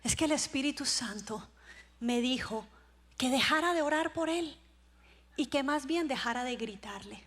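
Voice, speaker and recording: Costa Rican woman preacher, high voice, animated storytelling sermon, hall reverb. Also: moderate pace. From Costa Rica. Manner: lively storytelling, jumps from hushed to loud. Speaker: conference speaker.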